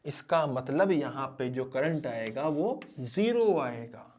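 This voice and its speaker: A man teaching physics as a dramatic story, talking straight to his students. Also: on the high side. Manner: animated, dramatic storyteller who addresses students directly.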